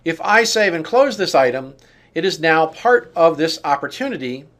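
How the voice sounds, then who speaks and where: A software demonstrator with a somewhat high-pitched voice narrates a walkthrough tutorial, explaining each on-screen action step by step. He sounds very animated and speaks at normal speed.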